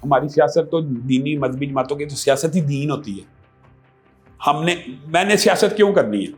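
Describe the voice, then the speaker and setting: A man's voice: on the high side, soft background music. A man from Pakistan, a religious scholar answering interview questions emphatically and often asking rhetorical questions.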